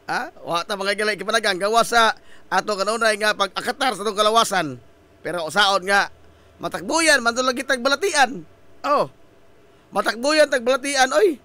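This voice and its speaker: A man's voice: high voice, normal speed, bright, forceful tone. A man hosting a morning radio talk show, playful and joking, with sing-song greetings. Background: background music.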